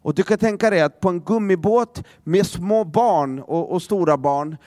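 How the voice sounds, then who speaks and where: Male preacher, high voice, dry close sound, dramatic storyteller who goes quiet for emphasis. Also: no room sound. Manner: dramatic, drops to a hush for emphasis; repeats words as he restarts. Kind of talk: sermon storytelling.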